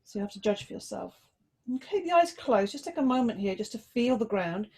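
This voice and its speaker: A female yoga instructor leads a relaxation and body scan, speaking slowly and coaxing gently, with pauses between phrases. Her pitch is medium, her delivery expressive, and her voice a bit rough.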